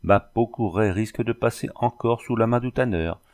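A man reading an audiobook voices a coarse, boastful backwoods bandit sailor who talks rough and mocking. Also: lowish voice, normal speed, darkish tone, natural voice. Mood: gruff mocking.

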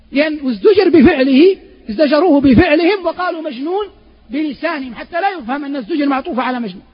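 High-voiced fast-talking male preacher. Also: lo-fi sound. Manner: asks the audience questions and answers them himself; recites Quran verses in a chanting tone. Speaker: Islamic preacher. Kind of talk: Quran commentary lesson.

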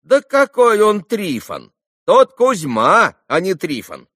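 A man's voice: high voice, huge pitch swings, takes it slowly, sharp tone, no room sound, studio quality, pitched above the performer's own voice, heavily acted. A man voicing a chatty peasant market woman guessing at a name, in a storybook reading. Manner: folksy, chatty.

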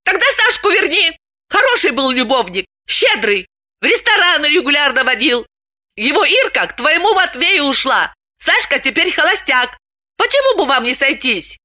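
A woman reading an audiobook, voicing an excitable, pushy woman friend in her thirties who talks in shrill, emphatic exclamations. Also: moderate pace, full character voice. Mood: agitated.

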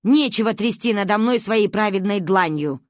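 A woman reading the lines of a sharp-tongued, scornful old grandmother in a storybook. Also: mid-range voice, expressive, moderate pace, no echo, studio quality, natural voice. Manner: scornful, cutting.

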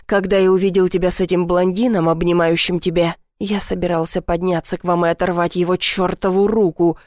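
Woman doing a jealous young lover, low and slow, hushed and commanding, dry close read. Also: level tone, no room sound, natural voice. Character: intense possessive young man, a jealous lover. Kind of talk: audiobook character reading.

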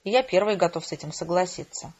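A woman voicing a calm, knowing male agent in an audiobook, dry and matter-of-fact, in a dull lo-fi recording. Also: on the low side, fast.

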